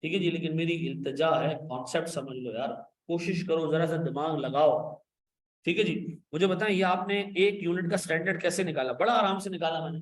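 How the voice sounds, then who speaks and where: High-voiced lecturer coaxing his students. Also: fairly quick, roomy sound. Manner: animated, coaxing students with repeated questions; playfully scolding, calls students "my children". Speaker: accounting lecturer. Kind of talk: classroom lecture.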